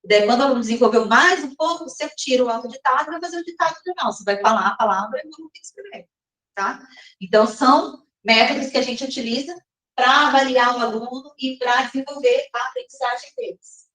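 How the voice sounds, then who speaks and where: A woman teaches a recorded lesson in a slightly high voice, explaining step by step and pausing to check that her listeners follow. She slows to read some passages aloud. Her voice is set back from the mic with a roomy echo around it. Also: fairly bright tone, recorded from a distance. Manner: slows down and reads some passages slowly, as if from a text.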